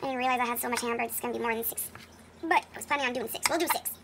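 A woman's voice: a little high, racing, noisy background. Woman in her 30s cooking at home, chatty and all over the place, pans and dishes clanking behind her. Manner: chatty, rambling, self-correcting as she goes. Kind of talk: casual unscripted cooking demo. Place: home kitchen, indoors. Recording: clear kitchen clatter of dishes and pans.

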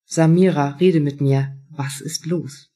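Give me a soft, pleading, loving mother, read by a woman with a husky voice. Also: deep voice, steady tone, slow. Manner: gentle, pleading. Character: worried, loving middle-aged mother.

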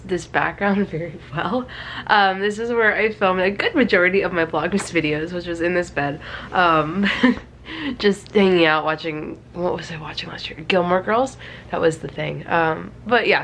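A woman in her twenties vlogs from a small bedroom with a stuffy, cold-congested nose, talking casually, wandering off topic, and joking at her own expense. Her voice is on the low side yet a bit bright, over faint room noise.

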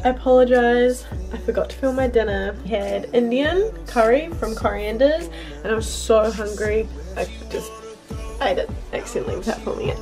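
High-voiced chatty New Zealand woman. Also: over music, rough recording. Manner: chatty, upbeat, quick asides to camera. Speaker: vlogger. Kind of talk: casual vlog narration.

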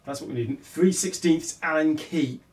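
In a relaxed hands-on vlog, a man who hosts a video channel talks through his work on equipment indoors at home, polite and musing aloud. His voice is a little high and somewhat dark, moving at a moderate pace.

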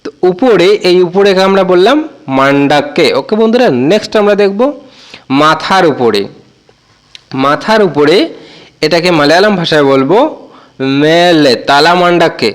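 A man with a slightly high voice teaches a casual spoken language lesson as a channel host. He keeps his delivery relaxed and slows right down to repeat each new word. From Bengal. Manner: slow, drawn-out repetition of taught words.

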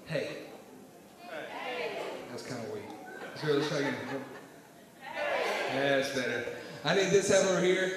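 A man's voice: fairly high pitch, recorded from a distance. A man on stage at a concert, playfully coaxing the audience into a call-and-response before a song. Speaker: singer leading the audience. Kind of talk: call-and-response crowd warm-up. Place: large concert hall. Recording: echoey hall from afar with noise.

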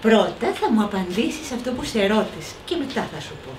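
A woman voicing a calm, gentle magical lady in a storybook reading. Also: medium pitch, reverberant, noisy background, natural voice.

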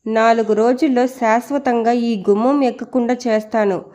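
A woman's voice: a little high, steady tone, moderate pace, warm tone, dull audio, lightly acted. A woman voicing a haughty, spiteful young woman who speaks scornfully in an audio novel.

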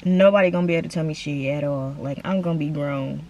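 This low, quick, slightly mellow voice belongs to a twentysomething woman vlogging from a parked car. She chats casually to camera, peppering her talk with slang and addressing her audience as "y'all."

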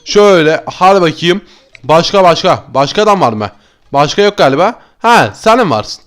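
A man doing Minecraft gameplay commentary as a YouTuber, excitable and chatty, talking to his viewers as friends. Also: on the high side, moderate pace. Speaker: gaming YouTuber.

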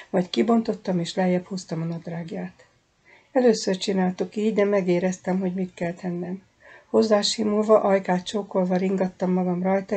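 A woman narrates a first-person audiobook in a soft, intimate, measured voice. Her tone is warm and mellow, with a gravelly fry and a husky edge. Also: lowish voice. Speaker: audiobook reader.

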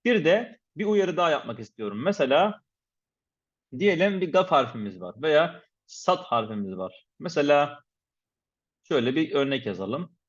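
A man's voice: fairly high pitch, very animated, moderate pace. A man teaching a pronunciation lesson, patiently repeating syllables to demonstrate and formally addressing his viewers as respected teachers. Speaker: Quran recitation teacher. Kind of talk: instructional lesson. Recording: dull lo-fi recording.

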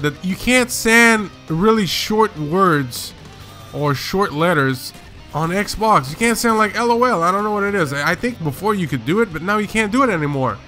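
A young man commentating his own shooter gameplay, excitable and slangy, swearing and trash-talking. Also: fairly high pitch. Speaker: gaming YouTuber.

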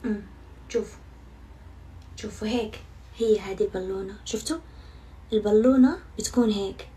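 In this casual vlog, a young woman with a mellow, medium-pitched voice speaks a little fast, frequently swearing oaths and teasing herself for her viewers. She is somewhat far from the microphone, and faint background noise can be heard.

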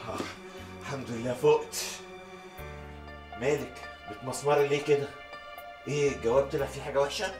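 A man's voice: mid-range voice, fairly even intonation, brisk, pauses often, far from the mic, over loud music, lightly acted. An actor playing a bumbling middle-aged man in an Egyptian Arabic sitcom, stammering through rambling excuses. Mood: calling out. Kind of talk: sitcom acting. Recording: roomy set, voice from off-mic.

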